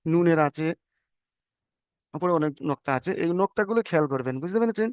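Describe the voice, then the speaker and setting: A man's voice: fairly high pitch, animated, fast talker, no echo. A man teaching Arabic letters, patiently repeating letter names and checking that students follow. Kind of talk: online lesson on Arabic letters.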